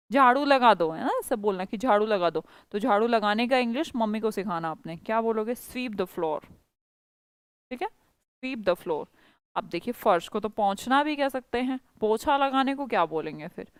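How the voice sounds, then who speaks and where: A woman's voice: a little high, expressive, normal speed, clean tone, no echo. A woman teaching a spoken English class, coaxing students and quizzing them by repeating phrases.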